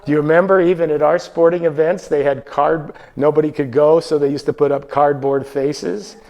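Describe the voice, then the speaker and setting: A man's voice: fairly high pitch, steady tone, normal speed, a little mellow. A man presenting a slideshow travel talk to a live audience, conversational, asking the room questions and often restarting his sentences.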